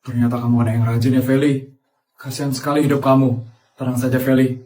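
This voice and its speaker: A man doing a gentle, generous uncle. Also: mid-range voice, flat delivery, fast talker, lightly acted. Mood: kindly. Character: generous kindly adult uncle, benefactor. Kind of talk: cartoon voice acting.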